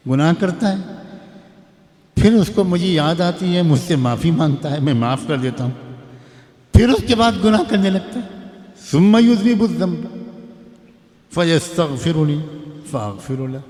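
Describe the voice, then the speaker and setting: A middle-aged man with an Indian Urdu accent preaches with feeling. His voice sits somewhat high for a man, and long reverb hangs behind each phrase. He recites Arabic lines slowly, then explains them in plain speech. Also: lively intonation, darkish tone. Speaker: Islamic scholar. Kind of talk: sermon. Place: gathering hall. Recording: hall reverb.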